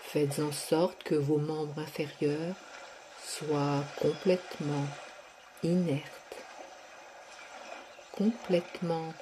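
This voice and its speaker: A low-voiced woman leads a relaxation session as a sophrology guide, taking her time at a very slow pace. Each phrase comes out soft and drawn out, separated by long silences, over constant background noise.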